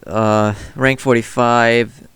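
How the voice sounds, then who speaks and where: A man's voice: mid-range voice, level tone, slow pace, fairly bright tone, clear, resonant tone, no echo. A man giving a casual, offhand video game review in a rambling, noncommittal way.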